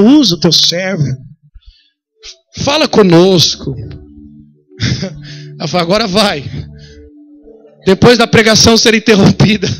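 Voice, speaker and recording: A man's voice: high-pitched, a bit bright. A man preaching a sermon, telling his own story with emotion and calling the listeners brother. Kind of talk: sermon with personal testimony.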